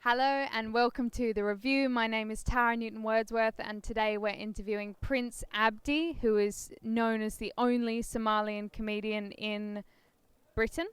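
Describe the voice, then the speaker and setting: A woman hosting an interview, asking polite questions with soft fillers. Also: on the high side, fairly even intonation, normal speed, clean tone. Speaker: interviewer host.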